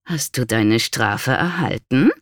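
A narrator voicing a spiteful housekeeper who speaks slowly and lurkingly, gloating over a maid. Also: medium pitch, huge pitch swings, a bit bright, slightly rough, no room sound, clean studio sound, voice pushed up, full character voice.

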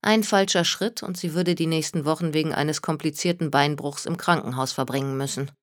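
Calm audiobook narrator, close dry studio sound. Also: medium pitch, brisk, no room sound. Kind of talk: scripted narration.

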